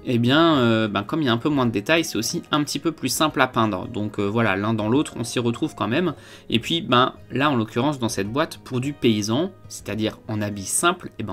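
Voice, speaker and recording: A man's voice: mid-range voice, a bit bright. A man giving a casual unboxing review of miniature figures, talking with many hesitations and fillers. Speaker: wargaming hobby reviewer.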